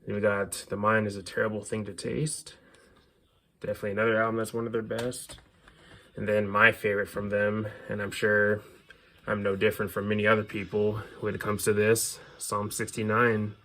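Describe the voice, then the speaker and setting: Monotone and a bit bright, this lowish male voice moves at normal speed. The speaker hosts an informal show-and-tell of his music collection, sharing opinionated fan talk along the way.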